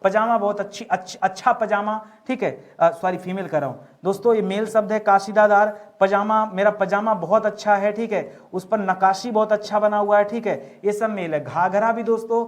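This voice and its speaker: High-voiced man teaching a grammar lesson. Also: steady tone, moderate pace, hardly any pauses. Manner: repeats questions back to the viewers, calling them friends. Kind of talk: exam-prep grammar lesson.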